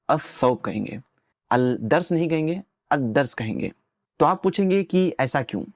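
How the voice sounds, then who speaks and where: A man hosting an Arabic lesson in Urdu, patiently explaining pronunciation and sounding out letters slowly one by one, with an Urdu accent. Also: mid-range voice, dry recording, studio quality. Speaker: Arabic teacher and channel host.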